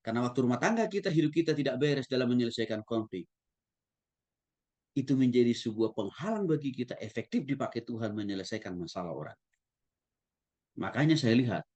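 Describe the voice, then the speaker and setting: A man who is a pastor, lecturing at a Bible school in an animated way and often addressing his listeners directly. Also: mid-range voice. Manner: animated, demonstrates tones of voice, addresses the audience often. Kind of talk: theology lecture.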